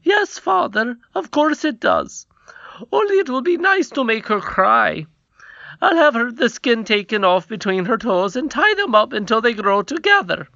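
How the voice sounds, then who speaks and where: A man's voice: extremely high pitch, very animated, normal speed, vocal fry, sharp tone, no room sound, dull audio, voice pushed up, heavily acted. A man voicing a cruel, spoiled young goblin prince in a storybook reading, petulant and gloating.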